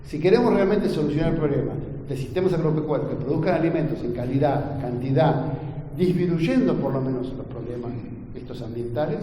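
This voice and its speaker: Male lecturer, earnest and engaging, warm slightly high voice, very reverberant hall. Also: a little fast. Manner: earnest, addresses the audience with frequent tag questions. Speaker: agronomy lecturer. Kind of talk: academic lecture to an audience. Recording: echoey lecture hall, faint ambient noise.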